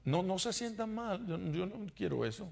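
Guy preaching a bible study in church, lively up-and-down voice, jokes with the congregation. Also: high-pitched, normal speed, gravelly. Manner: animated, rhetorical questions, humorous asides to the congregation. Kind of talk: sermon-style Bible study.

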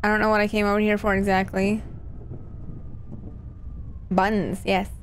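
A woman with a medium pitch and little pitch movement speaks at a measured pace, with a little hiss or hum in the audio. As a streamer casually commenting live on a horror game, she's nervous and scared, reacting with sweary exclamations and playful, jokey asides.

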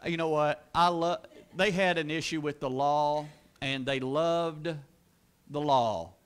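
A man with a high, light voice delivers a church sermon. He preaches earnestly and emphatically, repeating key words and pushing his voice up and louder at the peaks. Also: takes it slowly, smooth. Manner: earnest, emphatic preaching with rising exclamations and repetition. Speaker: pastor. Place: church sanctuary.

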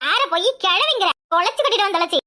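A woman voicing a scolding old village mother-in-law in a cartoon, who wails and scolds in a rapid-fire way. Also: very high voice, lively intonation, bright, forceful tone, exaggerated voice. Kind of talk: cartoon voice acting.

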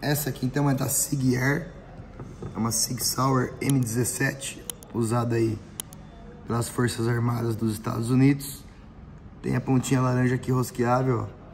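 Speaking at normal speed with a level tone, a middle-aged Brazilian-accented man reviews airsoft products, his mid-range voice thin, cracked and reedy yet gravelly and a little mellow. His demonstration is casual and explanatory, peppered with tag questions, recorded indoors in an airsoft shop and small range room with roomy echo and faint background noise.

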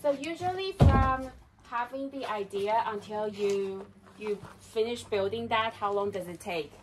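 A woman's voice: mid-range voice, measured pace, roomy sound, noisy background. A woman hosting a casual interview on a tour, encouraging her guest with frequent "uh-huh" and "wow" replies. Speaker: interviewer and vlog host. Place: converted farm rooms, in and out of doors. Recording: distant mic with background chatter.

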